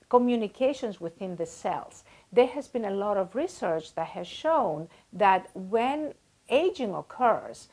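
Speaking into a lapel mic in a small office, this guest expert in her sixties explains her subject during an interview. She's lively and gestures as she talks, leaning on familiar comparisons, and her pitch is medium.

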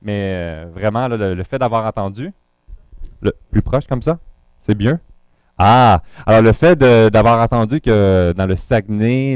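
A man from Montreal with a Quebec French accent introduces himself to a congregation as a visiting pastor, speaking loosely with lots of fillers and restarts. His voice is fairly low and darkish yet clean, recorded without echo.

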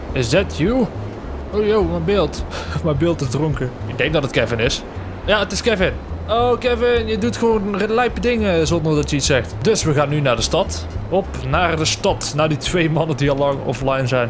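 Een man met een Nederlands accent die een game speelt en druk commentaar geeft, vaak schreeuwend, vloekend en grappend. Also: fairly high pitch. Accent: Dutch. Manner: excitable, swearing, yelps and jokes while playing. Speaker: gamer. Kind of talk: casual gameplay commentary. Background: game music.

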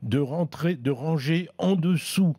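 A man's voice: fairly high pitch, takes it slowly, warm tone, breathy edge, no echo, clean studio sound. A man chatting casually as a tech columnist, explaining products in an easygoing way with frequent hesitations. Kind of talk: casual product review chat.

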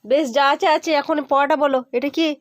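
A woman's voice: sits high, steady tone, normal speed, no room sound. A mother tutoring her young son at home, coaxing and repeating questions, sighing with exasperation and scolding him. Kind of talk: home tutoring a small child.

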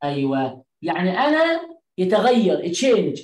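A woman teaching an Arabic class, explaining patiently with repetition and stretching out word endings slowly so students can hear them. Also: fairly low pitch, sing-song, darkish tone. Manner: slow, drawn-out enunciation of word endings. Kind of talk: language lesson. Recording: echoey room.

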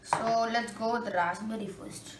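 A man's voice: sits high, steady tone, moderate pace. A young teenage boy chats casually and reacts with lots of exclamations. The recording is roomy and echoey, with faint noise behind him. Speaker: food challenge co-host. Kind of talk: casual chat. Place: small bare room indoors. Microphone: camera a short distance away. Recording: echoey room, faint hiss, distant camera mic.

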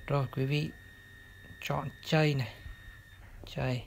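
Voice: mid-range voice, a little slow. A channel host gives step-by-step narration for a screen tutorial. The host speaks politely, addresses viewers formally, and points out each step on screen. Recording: clear steady background noise.

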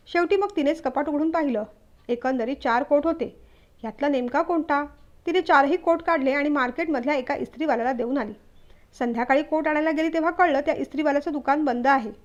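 A woman's voice: sits high, lo-fi sound. A woman narrating a family story, reading it aloud steadily and expressively.

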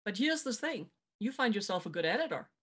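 A middle-aged woman from Germany, working as a podcast host, leads a motivational interview over a webcam video call from a home room with a dark backdrop. She talks a little fast in a slightly rough, medium-pitched voice with big pitch swings, emphatically repeating her main advice.

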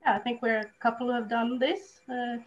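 A woman's voice: a little high, fairly even intonation, brisk. Woman from Norway on muffled call. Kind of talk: casual panel remarks. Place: indoors, on a video call. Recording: dull, noisy video call.

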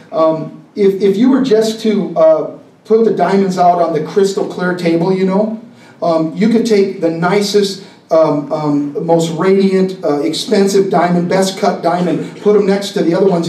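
High-voiced man preaching intensely. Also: fairly even intonation, moderate pace, warm tone. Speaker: pastor. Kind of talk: sermon. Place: conference hall. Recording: echoey hall, mic at a distance.

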